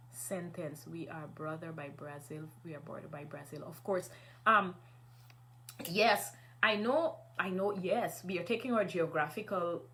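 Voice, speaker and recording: A woman's voice: on the low side, a bit bright, slight background noise. A middle-aged Guyanese woman hosting a live stream, chatting casually, reading viewer comments and encouraging her listeners. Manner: encouraging, motivational.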